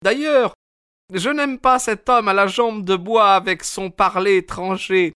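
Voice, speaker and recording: A man voicing a loud, worried working-class boatman's wife in an audiobook, chattering and fretful. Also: high voice, measured pace, clear, resonant tone, no echo, clean studio sound, pitched above the performer's own voice. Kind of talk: audiobook character voice.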